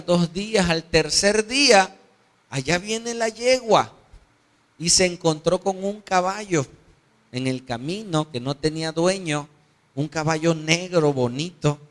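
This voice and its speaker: A man's voice: a little high, a little slow, fairly bright tone. A man preaching a sermon, conversational and storytelling, checking in with his listeners. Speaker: pastor.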